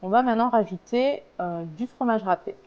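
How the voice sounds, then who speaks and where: A woman's voice: a little high, moderate pace, a little mellow, clean tone, lo-fi sound. A woman casually talking through a recipe step by step as a home cook, in a hesitant, explanatory way. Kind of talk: casual cooking tutorial, talking through steps.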